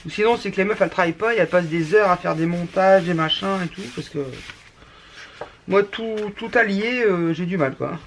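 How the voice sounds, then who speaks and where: A woman's voice: lowish voice, brisk, a little hiss or hum. Chatty woman with a northern French accent. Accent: northern French (ch'ti). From northern France. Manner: chatty and rambling, many restarts. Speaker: scrapbooking YouTuber. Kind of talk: casual craft tutorial chat.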